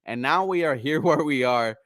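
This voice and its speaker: A man's voice: fairly high pitch, expressive, normal speed, a bit bright, no room sound. A young man from Houston hosting a casual sports talk show, rambling with lots of fillers and answering chat. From Houston, Texas. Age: young adult. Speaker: host.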